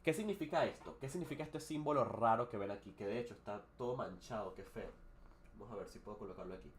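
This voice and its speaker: A man's voice: fairly low pitch, fast talker, slight background noise. A man teaching English on a live stream, talking loosely with many fillers and restarts as he explains words and their pronunciation. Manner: switches between Spanish and English, explains pronunciation with hesitant fillers.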